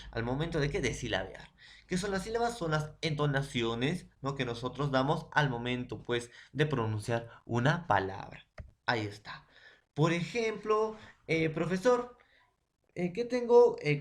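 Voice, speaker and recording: Medium-pitched and a bit bright, a man from Peru gives a secondary school language lesson in class. He pronounces words slowly syllable by syllable, checks comprehension with repeated "¿ya?" and "¿no?", and asks questions only to answer them himself.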